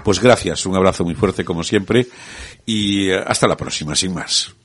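A man hosting a radio talk show, speaking in a relaxed, conversational way with frequent hesitations. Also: low voice, normal speed, slightly rough, dry recording.

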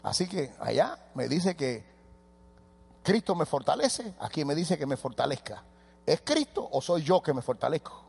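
Man, pastor, sermon, loud rises, quick asides, long hall reverb. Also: on the high side, gravelly, husky.

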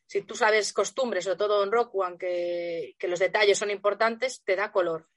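A woman's voice: mid-range voice, fairly even intonation, normal speed, dry recording. A woman with a Spain Spanish accent, co-hosting a casual podcast discussion in an assertive, opinionated way. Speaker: podcast co-host.

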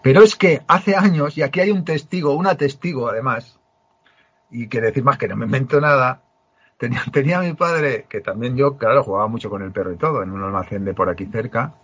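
Heard through muffled, lo-fi sound with no echo, a podcast host tells a story during a casual conversation. His husky voice is mid-range and a bit bright. He's emphatic and keeps restarting his phrases.

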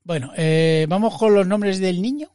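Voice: medium pitch, moderate pace, dark tone, dry recording, studio quality. A co-host with a Spain Spanish accent in casual podcast chat, blunt, swearing freely and often tacking on "tío".

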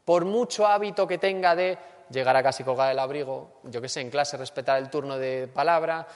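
A man with a Spain Spanish accent giving a lecture and acting out everyday complaints in a lively way. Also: mid-range voice, fairly quick. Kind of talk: lecture on character education. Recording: long hall reverb.

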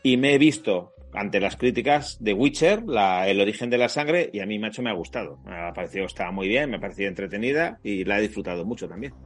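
Lowish-voiced Spanish man chatting casually. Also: animated, fast, hardly any pauses. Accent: Castilian Spanish. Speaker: podcast panelist. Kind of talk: casual review chat. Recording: music behind the voice.

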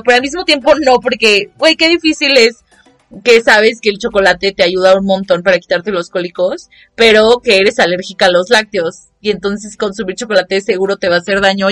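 A young woman with a Mexican Spanish accent and a mid-range voice tells a casual vlog story. She's expressive and dramatic, mocking the people she quotes.

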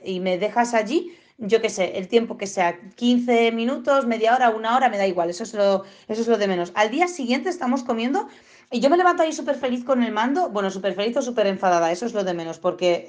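A woman with a Spain Spanish accent giving a casual, digressive lesson as a dog trainer, now and then acting out owners and dogs in squeaky voices. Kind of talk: casual spoken lesson to viewers.

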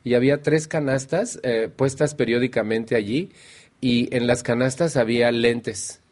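A man addresses a live audience. His voice sits at a middling pitch, and his tone is playful and conversational. He often puts questions to the room. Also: fairly even intonation, a little slow, darkish tone. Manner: playful, asks the audience questions, acts out quotes in a higher voice. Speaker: speaker at a recovery meeting. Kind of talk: motivational talk to a live audience.

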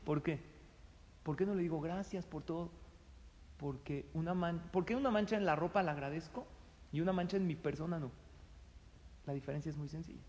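A middle-aged man with a Mexican accent gives a conversational advice talk, acting out the quoted exchanges in a lively way. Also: a little high, fairly quick, pauses often. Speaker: speaker giving advice. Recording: long hall reverb.

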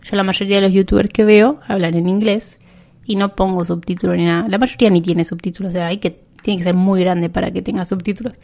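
A woman's voice: mid-range voice, darkish tone. A young woman with an Argentine accent, hosting her podcast in a rambling, self-mocking casual chat. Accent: Argentine Spanish. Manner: chatty, rambling, self-mocking with frequent laughs. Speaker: podcast host.

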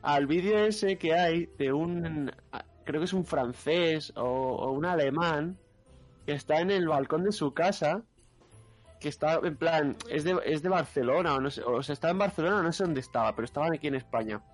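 High voiced dude telling a funny story, faint music behind. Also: male voice, moderate pace. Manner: animated retelling, acts out shouted quotes. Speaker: podcast co-host. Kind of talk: casual chat.

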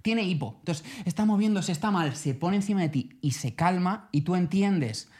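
A man from co-hosting a podcast in casual chat, telling stories with lively voiced asides. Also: sits high, moderate pace. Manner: animated storytelling, voices other people in quotes. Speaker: podcast co-host.

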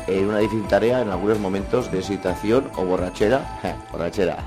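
A man's voice: sits low, fairly quick, music in the background. A man hosting a radio comedy show, reading odd news with crude jokes and constant swearing. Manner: crude, joking banter with heavy swearing.

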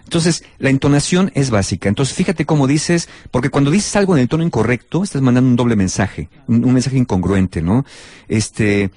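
A man, hosting a talk show and explaining relationship advice in an animated way. He keeps stepping into little acted-out scenes of what people say. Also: mid-range voice, a little fast, no echo. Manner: animated, acts out short quoted scenes. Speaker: host.

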